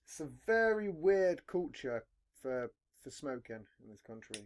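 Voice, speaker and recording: A man's voice: a little high, big pitch swings, a little slow. A young British man hosting a casual podcast from a dim room at home on a headset mic, rambling and swearing freely. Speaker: podcast host. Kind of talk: casual chat.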